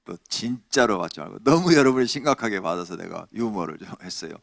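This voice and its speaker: Gravelly, animated Korean pastor preaching. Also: male voice, lowish voice, fast talker, dry recording, clean studio sound. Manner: emphatic, swings between loud exhorting and hushed asides; asks the congregation questions. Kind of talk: Friday night sermon. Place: church sanctuary.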